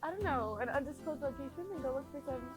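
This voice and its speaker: A woman plays a sheepish young mockumentary subject. She speaks high and hesitantly, rambling as she defends herself. Music plays clearly behind her. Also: quick pace, lightly acted. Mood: sheepish, defensive. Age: young adult. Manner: hesitant, giggly, rambling confessional. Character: sheepish 21-year-old woman defending her odd collection. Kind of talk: mockumentary interview.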